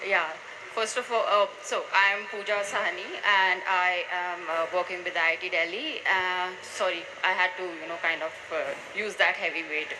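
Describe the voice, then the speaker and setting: A woman's voice: on the low side, steady tone, moderate pace. A woman introducing herself on a panel as a scientist, hesitant and full of fillers. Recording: noisy live event recording.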